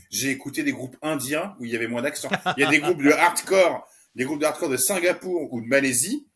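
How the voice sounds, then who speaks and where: A man's voice: medium pitch, fairly bright tone. A man co-hosting a casual music podcast, blunt and mocking, often laughing. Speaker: podcast co-host. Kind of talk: casual music review chat.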